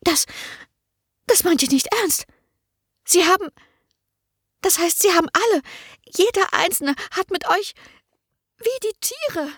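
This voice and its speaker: Lady putting on a squeaky scared maid girl, stammery, dry close sound. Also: animated, slow pace, pauses often, fairly bright tone, no room sound, heavily acted. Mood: shocked. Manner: breathless, stammering, urgent whispering. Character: panicky young maid, fearful and anxious.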